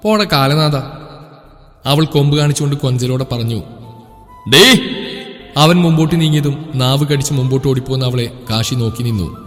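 A man reading a romance story aloud in a steady, descriptive way. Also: mid-range voice, quick pace. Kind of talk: scripted narration of a romance story. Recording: echoey room with background music.

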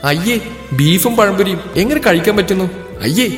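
A man voicing a defiant, sharp-tongued young woman in a told story, recorded in an echoey room with music. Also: high-pitched, lively intonation, moderate pace, pitched above the performer's own voice. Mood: teasing. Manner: shouting, angry, then teasing. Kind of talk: storybook character voice.

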